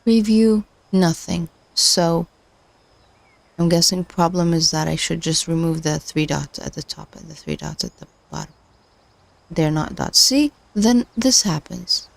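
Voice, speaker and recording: A woman with a lowish, unhurried voice and vocal fry is recorded with no echo. She's a livestream host learning machine learning whose voice is giving out, and she talks to herself haltingly, with many fillers and restarts.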